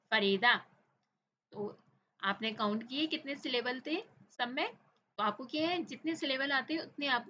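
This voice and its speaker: A woman with an Indian accent teaching a children's textbook lesson, reading English lines slowly and then explaining them quickly, switching back and forth between English and Hindi. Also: on the high side, bright, forceful tone, lo-fi sound, a little hiss or hum.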